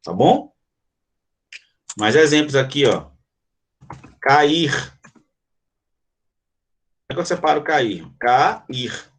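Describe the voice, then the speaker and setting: A man's voice: mid-range voice, very animated, normal speed, pauses often. A Brazilian man teaching an online grammar lesson, explaining step by step and asking the class questions. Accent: Brazilian Portuguese.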